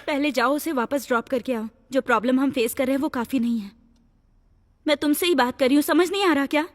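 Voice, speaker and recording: A woman's voice: high voice, fast talker, natural voice. An actress dubbing a reproachful, insistent young woman in a film. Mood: resentful. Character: scolding, frightened young woman. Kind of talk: Hindi film dub.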